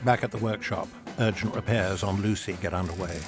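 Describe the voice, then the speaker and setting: A man's voice: fairly low pitch, fairly quick, loud music behind the voice. A man reading dramatic scripted documentary narration.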